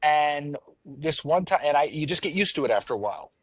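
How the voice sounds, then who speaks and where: A man's voice: a little high, expressive, fairly quick, no echo. A man from the Pacific Northwest co-hosting a casual chat, rambling and self-mocking, often trailing off and restarting. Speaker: podcast co-host.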